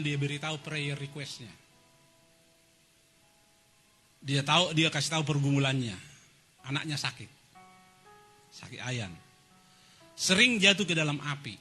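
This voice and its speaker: Male pastor, fairly high, very bright voice, animated preaching, soft music behind. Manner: animated preaching, swings between loud and soft, acts out quoted voices. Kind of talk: sermon.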